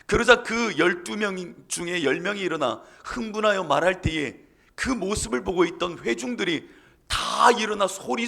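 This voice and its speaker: A male pastor preaches a sermon and tells the story with dramatic emphasis. His voice sits high for a man and has a gravelly, creaky texture. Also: fairly bright tone.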